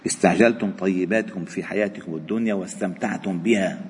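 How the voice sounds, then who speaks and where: A man with a Lebanese Arabic accent giving a Quran study lesson in a mosque, repeating phrases for emphasis and swinging between calm and animated delivery. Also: sits low. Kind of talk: mosque sermon mixing classical Arabic and dialect. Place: mosque hall. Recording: hall reverb in a mosque.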